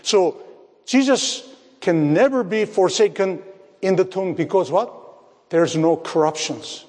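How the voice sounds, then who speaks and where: A man preaching a sermon, speaking slowly, repeating phrases and asking his listeners rhetorical questions. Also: high voice, a little mellow. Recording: long hall reverb.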